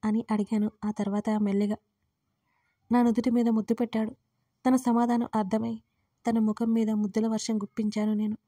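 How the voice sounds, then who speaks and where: Soft, even-voiced woman narrating a story. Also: fairly high pitch, a little fast, no echo. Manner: soft, quiet, even reading. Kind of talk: first-person romance story narration.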